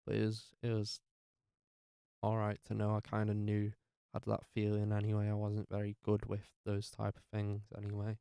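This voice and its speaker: A tired young man, telling his life story to camera in a halting way, full of fillers and restarts. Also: lowish voice, monotone, vocal fry, warm tone, smooth, no room sound. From North West England. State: tired, up very early. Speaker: vlogger.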